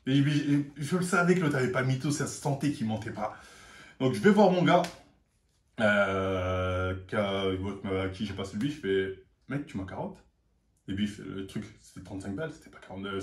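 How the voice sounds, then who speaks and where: A young man spins a story in casual slang, acting out every line. His delivery is quick and his pitch swings widely. The room around him is roomy and echoey. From France, Paris suburbs. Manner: animated, slangy, acts out quoted lines. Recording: roomy echo.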